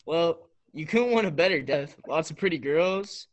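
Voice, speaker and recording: A young man playing a breezy, hurried younger brother in a radio play. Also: a little high, animated, close to an everyday voice. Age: young adult.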